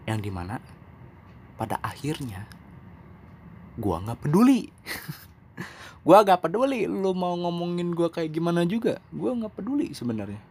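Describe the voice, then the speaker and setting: A young man hosting his own podcast, talking candidly and rambling, now calm, now emphatic and self-mocking. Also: sits high, moderate pace, pauses often, slightly rough. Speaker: podcast host. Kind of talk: casual solo podcast monologue.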